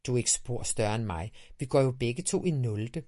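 A man's voice: medium pitch, darkish tone, dry recording, clean studio sound, lightly acted. A man voicing a cautious, cheeky little boy in a children's audiobook, who warns in a matter-of-fact way. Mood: warning.

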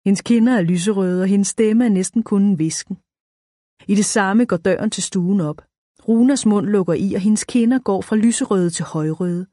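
A woman narrates a children's story in the first person, clear and even. Her pitch sits mid-range, and the recording is close and dry. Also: no room sound. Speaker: audiobook narrator.

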